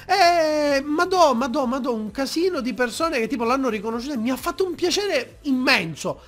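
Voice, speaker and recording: A young man, telling a story on his vlog from a desk mic at home, acting out shouting fans. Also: moderate pace. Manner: animated, acts out shouting fans in high yells. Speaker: YouTuber. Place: room at home. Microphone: desk mic with pop filter.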